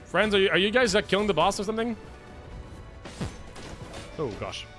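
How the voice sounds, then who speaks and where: A man giving animated live gameplay commentary as a streamer, who keeps addressing his viewers as friends. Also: high voice, moderate pace, faint music behind. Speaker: gaming streamer.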